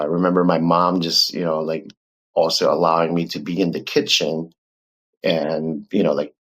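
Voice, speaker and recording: A man's voice: low-pitched, slightly rough. A man from the Philippines, a restaurant founder talking earnestly as a podcast guest. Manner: earnest, with frequent restarts and fillers. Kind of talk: casual podcast interview.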